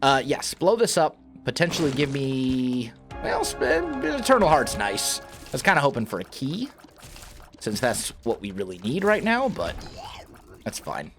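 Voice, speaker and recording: Over music, a let's play host talks at a measured pace in a very animated, medium-pitched voice. He sounds groggy from the morning as he casually thinks aloud through a video game, often correcting himself mid-sentence.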